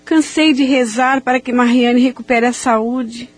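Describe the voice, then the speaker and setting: A woman playing an anxious but determined carer at a deathbed, earnest and formal in a radio melodrama, with a slightly husky voice. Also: a little high, fairly even intonation, measured pace, faint music behind. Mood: resolute. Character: anxious, determined woman tending a dying loved one. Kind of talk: melodramatic radio drama acting.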